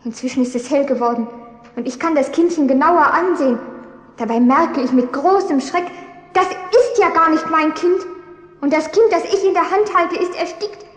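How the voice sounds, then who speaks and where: Woman as a pleading young mother in a biblical radio play, high voice, echoey hall. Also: moderate pace, natural voice. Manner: pleading, emotional. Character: young mother fighting for her baby. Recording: reverberant hall echo.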